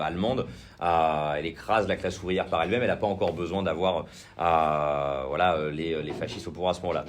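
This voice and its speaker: A man with a French accent giving an informal political training talk, hesitant, with many fillers and restarts. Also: low-pitched. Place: indoor training session room.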